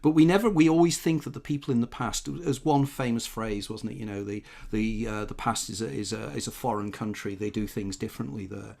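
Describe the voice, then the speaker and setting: A man's voice: fairly low pitch, brisk, gravelly, hardly any pauses, darkish tone. An older man hosting an interview, reflective and fond of tag questions. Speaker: interview host. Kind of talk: conversational interview.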